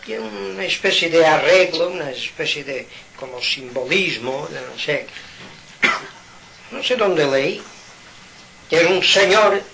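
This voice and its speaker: A man from Mallorca, giving an informal spiritual talk at home in an animated, preaching manner with rhetorical questions and sudden loud outbursts. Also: high-pitched, gravelly, a little hiss or hum, low-quality recording. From Mallorca, Spain. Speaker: spiritual speaker.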